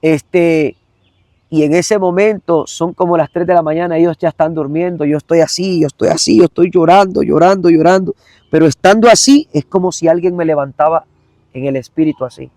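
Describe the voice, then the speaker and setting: An evangelist guest gives an emotional personal testimony, earnest and repetitive, speaking directly to the listener. His voice is on the high side and warm, with a brisk pace and no echo.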